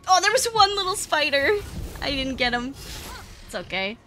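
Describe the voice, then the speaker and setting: A woman's voice: high-pitched, sing-song, normal speed. Playful woman streamer over game music. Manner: playful, chatty, swears, giggles. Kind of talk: live gameplay commentary.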